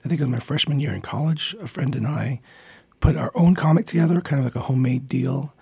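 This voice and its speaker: This comic book writer, a man of roughly forty who was born in the Philippines and grew up in Montreal, talks quickly in a medium-pitched voice that's creaky, darkish, and a bit breathy. He's a friendly, hesitant radio studio guest who says um a lot, and the recording has no room sound.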